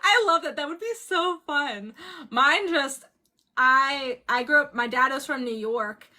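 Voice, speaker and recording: A bubbly woman from Florida co-hosts a casual interview, gushing over her guest's stories. Her voice is high and bright. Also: measured pace. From Florida, USA. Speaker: podcast co-host.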